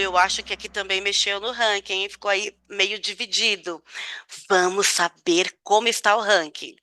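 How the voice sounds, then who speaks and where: A woman with a Brazilian Portuguese accent hosting a live online quiz over a video call, excitable and playfully dramatic as she builds suspense. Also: medium pitch. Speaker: quiz host.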